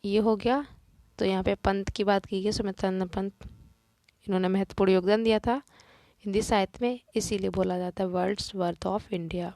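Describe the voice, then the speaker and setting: A woman's voice: mid-range voice, steady tone, moderate pace, a little mellow, dry recording. A woman teacher working through a grammar lesson, explaining each answer step by step and asking and answering her own questions.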